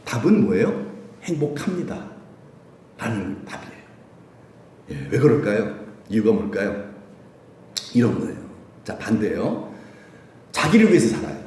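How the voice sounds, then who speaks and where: A man preaching a Sunday sermon in an animated way, laughing often and asking the congregation questions, in a church sanctuary. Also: on the low side, normal speed, pauses often, slight background noise. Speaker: pastor. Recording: very echoey church hall.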